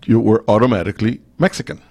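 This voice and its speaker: Gravelly-voiced Costa Rican radio host. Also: male voice, on the low side, fast, warm tone. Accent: Costa Rican Spanish. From Costa Rica. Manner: rambling, anecdotal, with many restarts. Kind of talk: casual radio talk.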